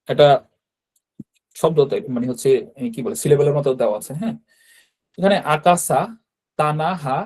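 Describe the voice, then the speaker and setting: Mellow-voiced man teaching an online class. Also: fairly high pitch, rough recording. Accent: Bangladeshi Bengali. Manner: explanatory, checks in with frequent "right?". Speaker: Japanese language teacher.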